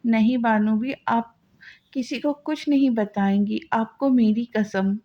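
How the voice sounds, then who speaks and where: A woman reading the lines of a weary, gentle young woman in an audio novel, softly pleading. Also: a little high, steady tone, slow pace. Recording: slightly dull lo-fi audio.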